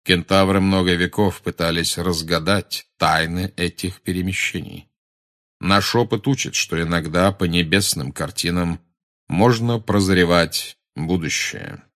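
A man reading an audiobook voices a dignified male centaur teacher who speaks calmly and unhurriedly. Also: sits low. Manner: calm, unhurried, measured.

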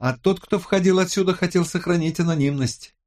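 A man voicing a sharp-tongued, touchy young woman hacker in an audiobook, raised high above his own voice. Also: fairly quick, close to an everyday voice. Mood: explaining. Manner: snappy, defensive. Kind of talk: audiobook character voice.

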